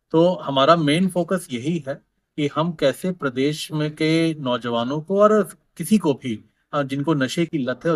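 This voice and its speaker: Official answering press questions, dry sound. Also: male voice, mid-range voice, no room sound. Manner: explanatory, many fillers and restarts. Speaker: interviewee, government official.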